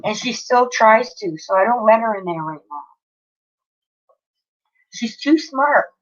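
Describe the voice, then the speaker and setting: A woman's voice: fairly high pitch, expressive, a little slow, dull audio. A woman, livestreaming from home and telling a long story in a casual, chatty way with frequent swearing. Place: home, near an open window.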